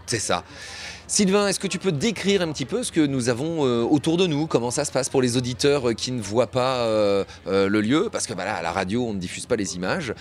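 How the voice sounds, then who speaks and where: A man's voice: mid-range voice, animated, fairly quick. A man hosting a live community radio show outdoors at a neighbourhood fête, chatty and rambling, with lots of fillers. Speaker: radio host. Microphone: radio studio mic set up outdoors.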